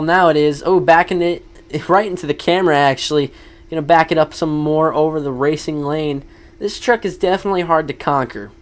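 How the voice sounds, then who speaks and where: A man giving excited play-by-play commentary on a monster truck event, hyping each move with quick asides. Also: fairly high pitch.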